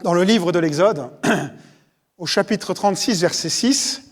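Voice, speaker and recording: A man's voice: sits high, expressive, slow pace. A man preaching a sermon at a church service, talking conversationally and straight to his listeners, often repeating words as he goes. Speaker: pastor.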